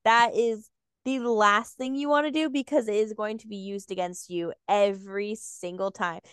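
A woman's voice: medium pitch, fairly even intonation, moderate pace, a bit bright, clean tone, dry recording, clean studio sound. A young woman co-hosting a book podcast, blunt and emphatic, swearing freely in casual chat. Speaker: podcast co-host.

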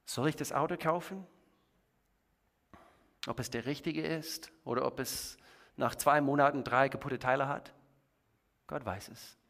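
Man, pastor, preaching a sermon, dramatic delivery, medium-pitched voice. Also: steady tone, measured pace, gravelly, long pauses. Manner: dramatic, swings between booming and hushed.

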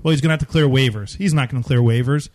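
A man's voice: mid-range voice, racing, darkish tone. A man co-hosting casual sports banter in a home basement, blunt and full of wisecracks. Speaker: co-host.

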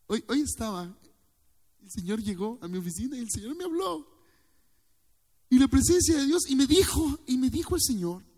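A man's voice: sits high, darkish tone. A male pastor preaching a fervent sermon, calling on the congregation to repeat phrases after him. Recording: long church hall reverb.

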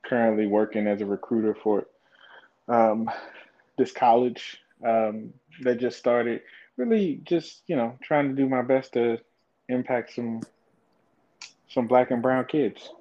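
A man in his twenties, a podcast guest in a casual interview chat, speaks thoughtfully and hesitantly with lots of fillers. His voice is medium-pitched and mellow at a measured pace, captured in slightly dull lo-fi audio.

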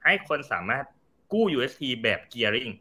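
A man talks through a market crash on a talk show, explaining step by step and giving examples. His voice is strikingly bright, and his pitch swings widely as he talks. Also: lively intonation, moderate pace. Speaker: crypto advisory firm CEO, guest.

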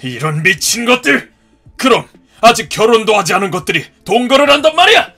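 A man voicing a gruff, hot-tempered ex-marine father in his fifties who scolds and shouts in a cartoon story. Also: high-pitched, sing-song, a little fast, soft background music, exaggerated voice. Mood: furious. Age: 50s.

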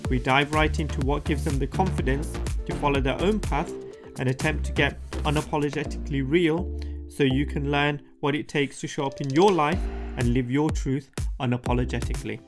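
A man hosting a podcast, introducing his guest and asking questions in an upbeat, energetic way. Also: fairly high pitch, brisk, over music. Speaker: podcast host. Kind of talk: interview hosting.

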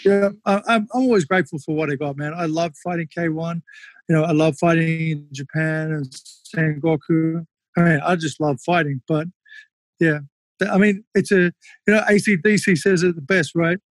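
Candid ex-fighter, dry close mic. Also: male voice, fairly high pitch, moderate pace, no echo. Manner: candid, swears freely, many fillers. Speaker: guest, former kickboxer. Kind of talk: casual interview storytelling.

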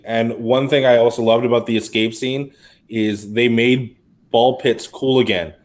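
Brief: man in his own everyday voice, mid-pitched, rambling casual podcast chatter. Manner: rambling, heavy use of "like". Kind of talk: casual chat about a TV series.

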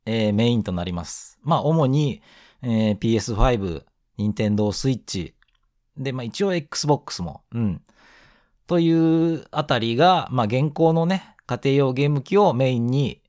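A man of around forty with a nasal, stuffed-up voice from hay fever, hosting a casual solo gaming podcast in a polite, unhurried way. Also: medium pitch, a little mellow, no room sound, studio quality. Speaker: podcast host.

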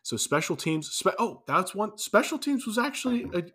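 A man's voice: high-pitched, sing-song, moderate pace, fairly bright tone, breathy edge. A man co-hosting a casual sports podcast, talking loosely with restarts and wry asides. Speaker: podcast co-host.

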